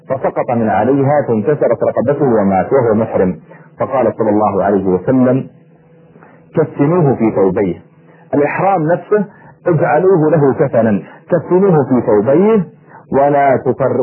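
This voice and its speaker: A man preaching an impassioned sermon to his listeners, acting out the voices in the stories he tells. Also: medium pitch. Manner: impassioned, acts out dialogue. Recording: tinny phone-like radio sound.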